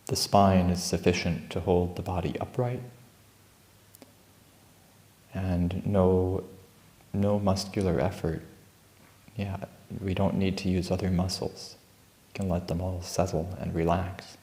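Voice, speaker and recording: A man who teaches meditation at a Buddhist monastery gives gentle, unscripted guidance from an indoor room there. He speaks calmly and without hurry in a voice that sits low, leaving long pauses between phrases, and the recording has a roomy sound.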